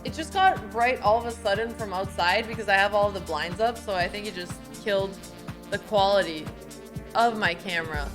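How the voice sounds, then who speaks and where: A woman's voice: mid-range voice, normal speed, over music. A woman streaming live from a home room, thinking aloud about a chess game and questioning her own moves.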